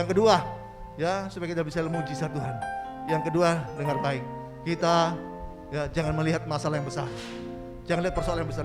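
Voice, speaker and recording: A man preaching a sermon in a church service, fervent and repetitive, rising to shouts for emphasis. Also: a little high.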